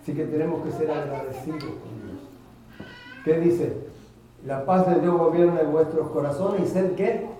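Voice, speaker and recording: A male pastor preaching a sermon, lively, acting out the voices of parents and children he quotes. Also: on the high side, normal speed. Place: church. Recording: echoey church hall, mic at a distance, congregation audible.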